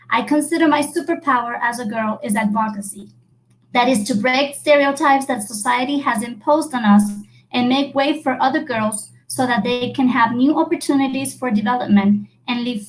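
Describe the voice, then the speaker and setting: A woman interpreting for a panelist on a webinar video call, careful and even. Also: fairly high pitch, poor audio. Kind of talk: reading a translation.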